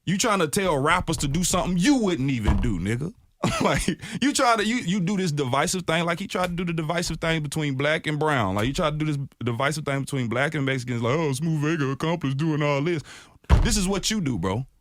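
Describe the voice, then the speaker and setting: A rapper from Oak Cliff in Dallas, Texas, guests in a radio studio, freestyling and doing interview talk with passion. His voice sits on the high side and moves briskly, recorded dry. He gets animated and mimics other people in a raised voice.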